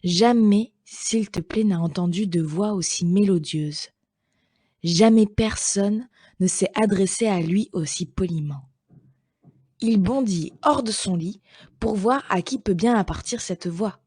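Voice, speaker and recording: Storyteller: a woman reading a children's tale slowly and gently, husky and mellow. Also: medium pitch, no echo, studio quality.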